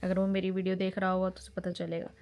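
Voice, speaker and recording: A woman's voice: mid-range voice, monotone, fast, darkish tone. A woman, chatting animatedly as she shows her wedding album in a family vlog. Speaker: family vlogger. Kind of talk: casual chat while showing wedding album.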